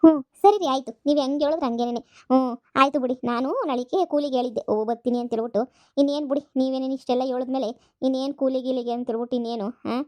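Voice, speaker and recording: A woman playing a sharp-tongued young village wife. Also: sits high, quick pace, natural voice. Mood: agreeable.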